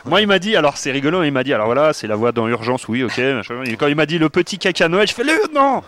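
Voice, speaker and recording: A man hosting a live charity stream, excitable and swearing casually. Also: mid-range voice, fast. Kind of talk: enthusiastic live stream banter.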